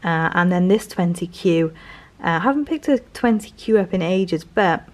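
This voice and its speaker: Low-pitched British woman, casual and rambling. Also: lively intonation, moderate pace. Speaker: reseller vlogger. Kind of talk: casual haul commentary.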